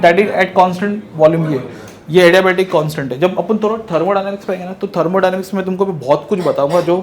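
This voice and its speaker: High-voiced physics teacher. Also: male voice. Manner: lively, fires rhetorical questions at students and answers them himself. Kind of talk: classroom lecture.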